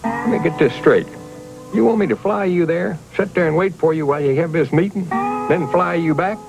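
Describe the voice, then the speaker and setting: Skeptical male pilot, gravelly, raised pitch, incredulous, TV commercial, music behind. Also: normal speed, low-quality recording. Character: skeptical small-time male pilot in an old-time tale. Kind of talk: acted TV commercial dialogue. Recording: 1980s TV ad with music.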